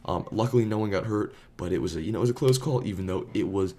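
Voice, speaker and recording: A man's voice: fairly low pitch, fast talker, dark tone, a little hiss or hum. A man casually telling a story, rambling with lots of fillers. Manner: rambling, filler-heavy, laid-back. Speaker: storyteller and vlogger.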